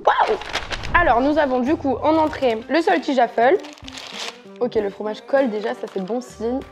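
A woman's voice: sits high, moderate pace, a little mellow, faint music behind. A young woman from France chatting to camera at home, bubbly and self-mocking. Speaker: vlogger. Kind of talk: casual chat to camera. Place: at home, indoors.

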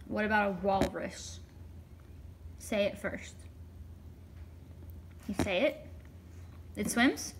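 A woman patiently coaxing a small child at home, asking simple questions in a gentle, sing-song way and prompting the child to repeat words after her. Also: mid-range voice, slow, pauses often, background noise. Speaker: caregiver teaching a toddler. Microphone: hidden camera.

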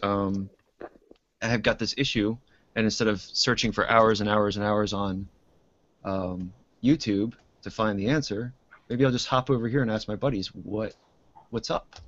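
A man in his late thirties talks in a halting way, pausing on many ums and uhs. His voice is on the low side. It reaches us through a dull, lo-fi video call. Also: fairly even intonation, a bit bright. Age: 30s. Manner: hesitant, lots of fillers. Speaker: guest artist. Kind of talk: casual chat on a video call.

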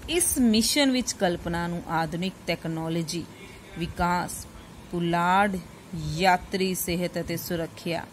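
A woman teacher reading a textbook chapter aloud to a class, steady and careful, now and then correcting a slipped word. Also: fairly low pitch, a little hiss or hum, poor audio.

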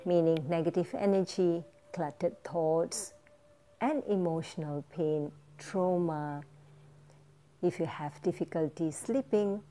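A woman leads a guided meditation in a low, warm voice. She talks very slowly, giving gentle step-by-step instructions. Soft music plays faintly behind her. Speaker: meditation teacher.

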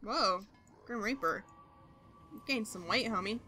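A young woman with a bright, clear voice talks her way through a life-simulation game. She chats casually to her viewers and coaxes the characters on screen, and she breaks into excitable outbursts. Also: mid-range voice, measured pace, faint music behind. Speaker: gaming video host. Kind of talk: casual gameplay commentary.

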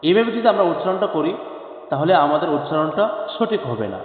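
A man teaching a Quran reading lesson, singing out each letter name slowly and repeating it. His voice sits fairly high and comes through a thin, phone-like line. A long, echoing reverb trails every word. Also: big pitch swings. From Bangladesh. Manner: slowly drawn-out, sung letter names repeated twice.

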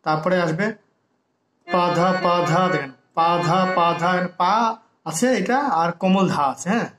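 Harmonium teacher in an echoey room. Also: male voice, high voice, moderate pace, over music. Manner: patient, explains each note and sings note names. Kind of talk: step-by-step music lesson.

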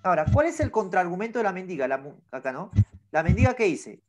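A man teaching an online class, his pitch rising and falling in a lively, animated way as he explains. He talks patiently and keeps checking whether the students follow. He is heard through a laptop microphone. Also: quick pace.

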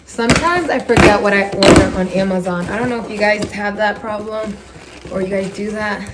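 A woman's voice: medium pitch, fairly quick, heavy background noise. Chatty woman filming herself on phone. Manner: chatty, excited, addresses viewers as guys. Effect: phone video recording. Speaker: vlogger. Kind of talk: casual vlog talk to viewers. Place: at home indoors. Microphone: phone camera.

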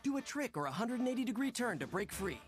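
A man's voice: extremely high pitch, sing-song, fast. A man voicing a helpful video game tutorial guide with scripted instructions. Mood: instructive. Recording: music behind the voice.

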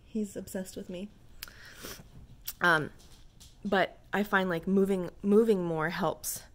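A woman's voice: medium pitch, steady tone, slow pace. A young adult woman chatting casually and candidly to her viewers, rambling with lots of fillers. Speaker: vlogger talking to viewers. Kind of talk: casual chat to camera.

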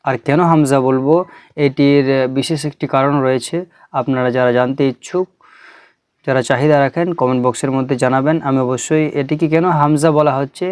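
A man teaching a Quran reading lesson on video, explaining step by step with patience and reciting letter drills slowly. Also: medium pitch, darkish tone, clean tone, dry recording, clean studio sound.

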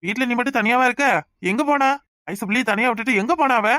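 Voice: medium pitch, fast, pushed and bright, no echo, studio quality, natural voice. A performer voicing a bossy but caring middle-aged village uncle in a cartoon, with a Kanyakumari Tamil accent. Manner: bossy but affectionate, scolding. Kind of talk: cartoon voice acting.

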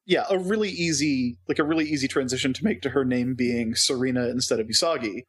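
Husky-voiced man chatting on a podcast. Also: medium pitch, quick pace. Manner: chatty, digressive, laughs often. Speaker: podcast co-host. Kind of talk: casual chat.

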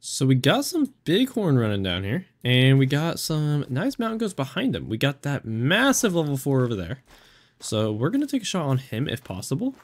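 Excitable man commenting on gameplay. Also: medium pitch, moderate pace. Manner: excitable, talks to himself while aiming. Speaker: gaming channel host.

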